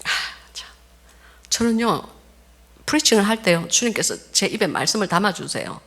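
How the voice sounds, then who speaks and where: A woman pastor preaching a sermon, telling stories in an animated way and acting out the voices of the people in them. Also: medium pitch, normal speed. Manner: animated storytelling, laughs often, acts out quoted voices.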